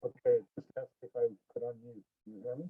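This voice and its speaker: A man's voice: mid-range voice, flat delivery, breathy edge, dry recording. Muffled man, as if through a wall. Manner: hesitant, many pauses and fillers. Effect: muffled, as if heard through a wall. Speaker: attendee asking for help. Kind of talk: casual video call. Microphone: laptop mic on a video call. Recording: muffled tinny call audio.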